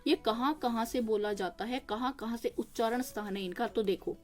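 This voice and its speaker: A young woman with a somewhat high, slightly mellow voice teaches exam-prep grammar, patiently asking and answering her own questions. She slowly sounds out each consonant while faint music plays behind her.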